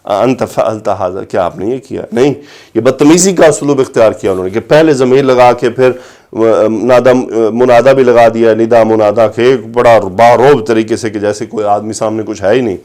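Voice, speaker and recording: A man teaching Arabic grammar of scripture in a lecture, reciting phrases slowly and then explaining them, lifting his voice to stress a point. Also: mid-range voice, steady tone, darkish tone.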